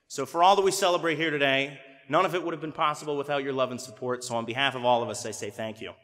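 Young male commencement speaker, bright forceful oratory, podium mic, long arena reverb. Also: medium pitch, steady tone, fast. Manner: rousing oratory, rises to shouts. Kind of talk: formal commencement speech. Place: large arena stage at a podium. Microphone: podium microphone.

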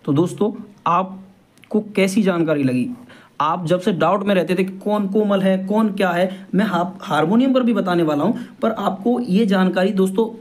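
A man's voice: high voice, normal speed. A man teaching the harmonium in a casual lesson, patient, repeating each point and asking the viewer questions.

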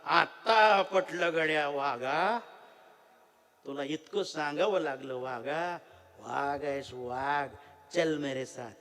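A man voicing a fierce wild male tiger who scolds and commands in booming shouts, in a sermon story. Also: slow pace, big-room sound. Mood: approving.

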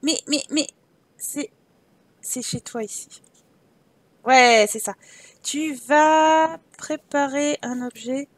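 A woman's voice: high voice, slow pace, long pauses, dry recording. A woman hosting a gaming channel, giving casual gameplay commentary, chatty and joking as she thinks aloud.

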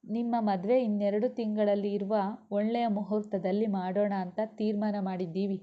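A woman voicing a calm, plain-spoken father making a family announcement. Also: medium pitch, moderate pace, lightly acted. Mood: matter-of-fact. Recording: dull lo-fi recording.

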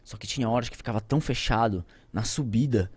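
A man with a Brazilian Portuguese accent, a podcast guest telling an emotional story with conviction, shifting from loud outbursts to near-whispers. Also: mid-range voice, fast, husky. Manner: speaks with conviction, addresses viewers directly.

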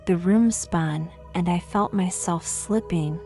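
A woman giving scripted horror narration, slow and grave. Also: lowish voice, dark tone, soft background music.

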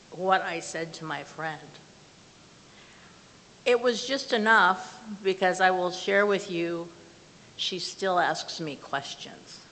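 Slow earnest older woman in church hall. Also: fairly low pitch, a bit bright. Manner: earnest, plainspoken, with slow measured phrasing. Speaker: lay speaker giving a testimony. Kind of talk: personal testimony and prayer in a church service. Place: small church sanctuary, at a pulpit. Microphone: far camera from the back of the room. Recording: reverberant church hall with faint hiss.

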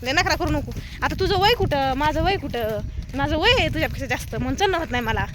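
A woman's voice: high voice, animated, fast talker. A woman with a Marathwada Marathi accent chatting casually in her vlog, teasing and scolding in banter while walking outdoors on market day, tired from carrying a heavy bag, recorded on a handheld phone. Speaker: vlogger. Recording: noisy outdoor street recording.

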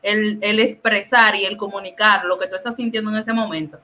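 A woman's voice: medium pitch, brisk. A woman with a Dominican accent, co-hosting a casual podcast chat and acting out quoted lines. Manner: animated, acts out quoted dialogue. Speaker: podcast co-host.

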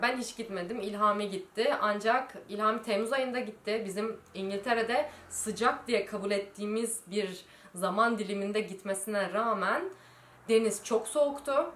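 Casting: young woman from Turkey, easygoing Q&A vlogger, mid-pitched voice, roomy echo. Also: normal speed, fairly bright tone. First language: Turkish. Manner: chatty, storytelling, reads out viewer questions. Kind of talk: casual Q&A vlog.

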